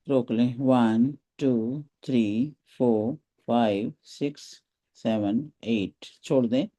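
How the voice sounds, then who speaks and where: In a medium-pitched voice, a meditation guide speaks softly and slowly. Short, calm instructions are separated by pauses.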